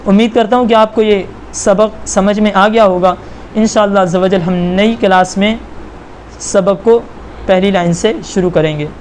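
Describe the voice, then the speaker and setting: A man teaching a Quran reading lesson, patiently repeating points and spelling syllables out slowly for the learner. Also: sits high, fairly even intonation, slight background noise. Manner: patient, repetitive explaining.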